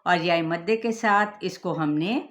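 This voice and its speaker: Woman recitation teacher, lower pitch, patient, draws out sounds to demonstrate. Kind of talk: tajweed lesson.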